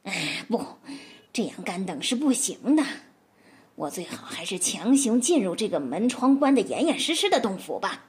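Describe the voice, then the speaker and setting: A woman voicing a scheming, hungry male wolf who begs in a low, pitiful, fawning voice. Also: big pitch swings, normal speed, breathy edge. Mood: grumbling. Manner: wheedling, pitiful.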